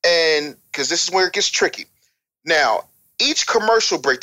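This American man, a former radio DJ and record maker, is being interviewed and talks candidly and conversationally, bluntly, emphatically and with a streetwise edge. His voice is fairly high-pitched with a sharp tone.

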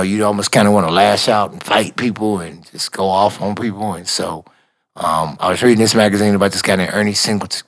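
Brief: gravelly-voiced male music exec, slangy, animated storyteller who laughs a lot; from Chicago. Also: fairly low pitch. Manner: animated, acts out dialogue, laughs often, slangy. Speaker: music executive guest. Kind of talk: casual storytelling interview.

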